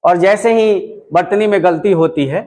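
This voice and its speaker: A man's voice: sits high, normal speed, a little mellow. A man teaching a classroom lesson, explaining step by step and repeating points for emphasis, with a Bihari Hindi accent. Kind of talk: classroom lecture. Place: classroom with a writing board.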